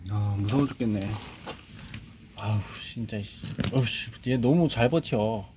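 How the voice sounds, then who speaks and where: A man's voice: lowish voice, a little slow. Jittery man muttering outdoors. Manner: nervous, muttering, coaxing. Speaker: nature vlogger. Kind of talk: casual self-talk while handling an animal. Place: outdoors by a reservoir on a rainy day. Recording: outdoor recording with clear background noise.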